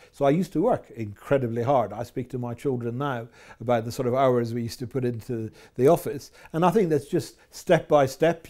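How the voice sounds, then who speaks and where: A man in his fifties with a Scottish accent, a chief executive answering interview questions in a measured, reflective way in an office. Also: medium pitch, mellow. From Scotland. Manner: measured, reflective, with frequent fillers. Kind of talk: business interview. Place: office with window blinds. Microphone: lapel mic.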